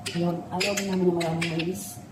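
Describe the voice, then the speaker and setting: Amid heavy background noise, a middle-aged woman who runs a cooking vlog talks to her viewers while preparing food. Her voice is lowish and flat, a little fast, as she shares personal stories from her past, laughing and getting teary in turn.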